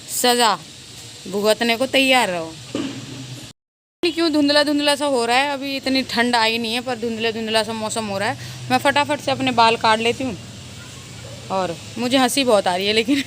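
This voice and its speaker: Gloating woman vlogger, fairly high voice. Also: a bit bright, a little hiss or hum. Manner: gloating, laughing often, talks to viewers directly. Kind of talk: casual vlog monologue. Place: outdoors, open weather around.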